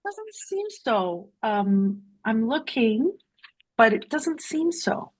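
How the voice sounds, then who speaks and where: Co-host, woman, higher voice, slow and gushing, relays chat. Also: big pitch swings, poor audio. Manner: warm, grateful and gushing. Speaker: co-host reading the online chat. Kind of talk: live event thanks.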